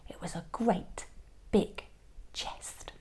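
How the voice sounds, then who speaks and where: A woman teacher reading a picture book aloud to young children, expressive and dropping to a whisper at tense moments. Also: slow pace. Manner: expressive storybook reading, drops to a whisper for suspense.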